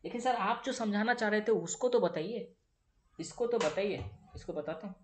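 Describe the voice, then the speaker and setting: A man's voice: high-pitched, moderate pace, slight background noise. A young male physics teacher, lecturing chattily and answering his own questions for the students. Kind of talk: classroom lecture. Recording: echoey room.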